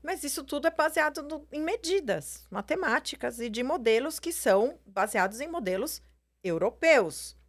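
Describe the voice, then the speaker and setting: Speaking Brazilian Portuguese at a normal speed in a high, expressive voice, a female plastic surgeon lays out her opinions in a relaxed interview. Her explanations are full of fillers, often tagged with "né" and "entendeu."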